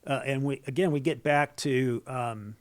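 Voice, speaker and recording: A man in his fifties, a talk-show guest, speaking in a halting way with many restarts and fillers. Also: mid-range voice. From Norway. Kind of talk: political talk show conversation.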